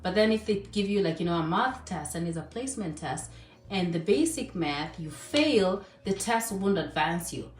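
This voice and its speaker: A woman's voice: fairly low pitch, expressive, moderate pace. A woman from Kenya giving casual advice in a chatty way, full of fillers and asides. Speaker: vlogger. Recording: echoey room, voice a bit distant.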